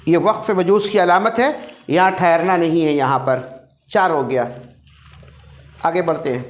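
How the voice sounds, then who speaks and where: A man's voice: a little high, measured pace. A male recitation teacher giving a classroom lecture, repeating each rule and quizzing his students. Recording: roomy echo.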